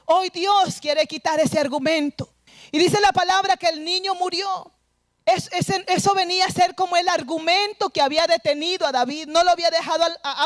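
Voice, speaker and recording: Very high-voiced woman pastor preaching. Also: no echo. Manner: earnest preaching, retelling scripture and exhorting the congregation. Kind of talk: sermon. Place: church service.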